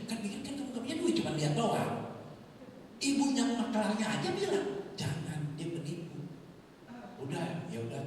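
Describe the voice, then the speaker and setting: Pastor preaching in an echoey hall. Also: male voice, fairly high pitch, darkish tone, a little hiss or hum. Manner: storytelling, acting out voices of people in the story. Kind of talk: sermon. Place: large church hall. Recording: echoey church hall, mic from a distance.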